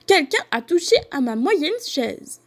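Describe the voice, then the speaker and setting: A woman voicing a cross mother bear in a children's story, sharp and indignant. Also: sits high, very animated, unhurried, voice pushed up, full character voice. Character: irritated mother bear, scolding.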